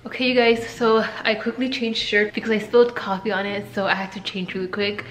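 A woman's voice: mid-range voice, little pitch movement, fairly quick, a bit bright, a little hiss or hum. A woman vlogging at home in a casual, chatty way, talking straight to her viewers. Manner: chatty, addresses viewers as "you guys". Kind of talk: casual vlog chat with sponsor read. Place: home room. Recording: echoey room.

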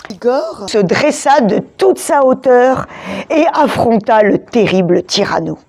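Woman, children's story reader, slow, expressive, fairly high voice. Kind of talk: children's picture book reading.

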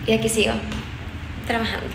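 A woman's voice: on the high side, little pitch movement, fairly quick, background noise. A young woman, chatting and laughing while she vlogs a move into an empty apartment on a handheld phone. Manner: chatty and bubbly, laughing often. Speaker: vlogger. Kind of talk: casual vlog chat to camera. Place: empty new apartment, echoey rooms indoors. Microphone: handheld phone camera at arm's length. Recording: echoey empty room with music under.

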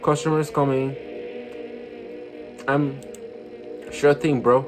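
A man giving casual, excitable commentary while playing a game, thinking aloud, swearing and using slang like "fam". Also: mid-range voice, a little slow, music in the background, rough recording. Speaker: gamer playing a horror game.

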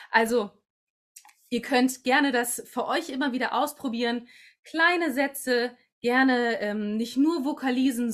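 A woman guiding a group through breathing and singing exercises, giving calm instructions and demonstrating phrases. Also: on the high side. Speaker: voice workshop leader.

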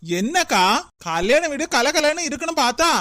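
A woman's voice: high voice, big pitch swings, normal speed, fairly bright tone, dry recording, studio quality. A woman voicing a friendly, chatty neighbour visiting for a family occasion in a cartoon, with a Kanyakumari Tamil accent.

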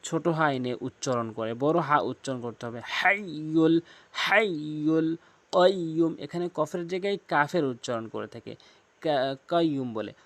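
A man teaching correct recitation, giving quick explanations of common mistakes between slow, drawn-out recited words. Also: medium pitch, fairly bright tone, no room sound. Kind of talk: tajweed lesson.

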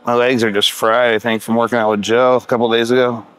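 A man's voice: mid-range voice, flat delivery, fast, fairly bright tone, clear, resonant tone. A man in his thirties talking like a gym bro in a casual workout vlog, grumbling and self-deprecating, with profane slang. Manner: grumbling, self-deprecating complaints while working out. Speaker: fitness vlogger. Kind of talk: casual vlog chat to camera. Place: large gym, indoors. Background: music.

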